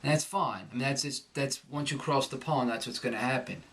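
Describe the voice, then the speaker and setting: A man's voice: medium pitch, fairly quick, a bit bright. A man giving a conversational, explanatory pronunciation lesson as a coach. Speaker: accent coach. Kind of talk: instructional lesson with pronunciation demonstrations.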